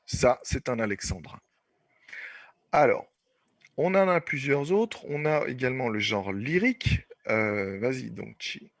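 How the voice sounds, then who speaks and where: Patient teacher explaining slowly. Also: male voice, medium pitch, fairly bright tone, dry recording. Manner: explains patiently, repeats points, many fillers. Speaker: French teacher. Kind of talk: online class teaching.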